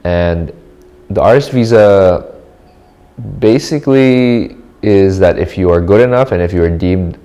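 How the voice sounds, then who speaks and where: A man's voice: low voice, a little slow, mellow. A man from the Philippines, giving casual, thoughtful interview answers in short reflective phrases. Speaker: artist interviewee.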